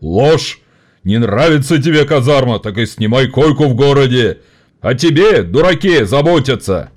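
A man voicing a pompous, well-dressed factory boss who bellows in a cracked bass in an audiobook. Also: normal speed, natural voice. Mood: angry bellowing.

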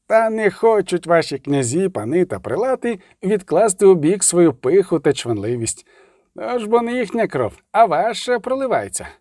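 A man voicing a fiery middle-aged street preacher who declaims and shouts to a crowd. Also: high voice, very animated, moderate pace, dry recording, clean studio sound. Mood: rousing.

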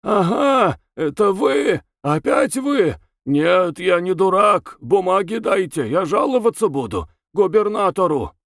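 A man voicing a frantic, beaten male prisoner who wheezes hoarsely and cries out in shrill, hiccupping bursts. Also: very animated, unhurried, few pauses, no room sound, clean studio sound, full character voice. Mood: shouting.

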